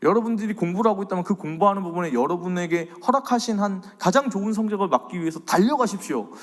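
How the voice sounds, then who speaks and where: A man in his thirties preaching a faith lecture as a pastor, animated, swinging between loud and soft. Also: sits high, quick pace, long reverb tail. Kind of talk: sermon-style faith lecture.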